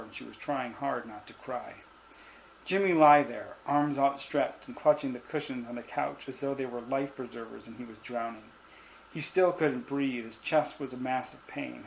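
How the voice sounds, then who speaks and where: A man's voice: medium pitch, gravelly, poor audio. A man with an ordinary mid-range voice reads his own short story aloud. He keeps the narration plain and lifts the quoted lines only a little. A faint hiss sits under the recording.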